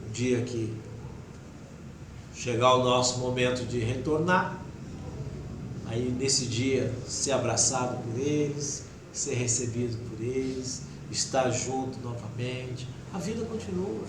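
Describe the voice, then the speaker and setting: Brazilian male spiritist lecturer, emotional, loud then hushed, echoey hall with faint background noise. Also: medium pitch, takes it slowly. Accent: Brazilian Portuguese. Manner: emotional, swings between loud urging and soft near-whisper. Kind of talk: devotional talk.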